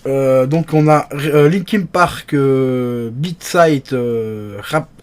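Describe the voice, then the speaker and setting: An unboxing YouTuber chats with his viewers as if they were friends, his medium-pitched voice smooth and his words drawn out. He's casual and hesitant, full of fillers and restarts, and his voice drifts nearer to and farther from the mic.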